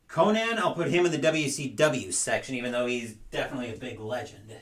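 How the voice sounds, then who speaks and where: Sorting through newly unboxed wrestling game cards, a young man reads the names out and rambles into side anecdotes in a relaxed way. His middle-range voice is brisk, expressive and a bit bright, set a little back from the microphone in a room with clear echo.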